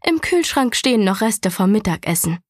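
A woman's voice: mid-range voice, big pitch swings, moderate pace, no room sound, clean studio sound. A woman voicing a strict middle-aged aunt who scolds and gives curt orders. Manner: commanding, scolding.

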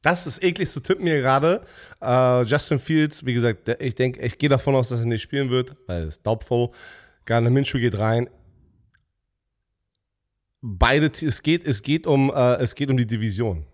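A man's voice: medium pitch, moderate pace. A man giving football picks in a casual podcast chat, enthusiastic and chatty, often restarting his words. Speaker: podcast co-host.

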